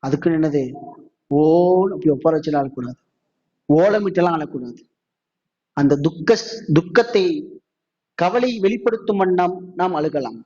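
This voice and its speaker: A Tamil-speaking man preaching a mosque sermon. He asks the audience many questions and slows down to recite quotes. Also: fairly high pitch, lively intonation, a little mellow, dull audio.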